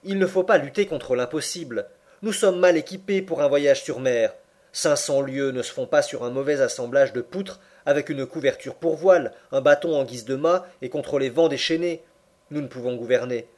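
A man's voice: mid-range voice, moderate pace, a little mellow, lightly acted. A man reading aloud and voicing a young man who pleads firmly and earnestly. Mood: firm pleading. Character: young man, firm and reasoning nephew.

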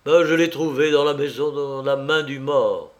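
A man voicing a composed middle-aged magistrate in an audiobook, laying out facts in a measured way. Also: fairly high pitch, lightly acted. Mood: grave. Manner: measured, factual explaining. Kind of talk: audiobook character voice.

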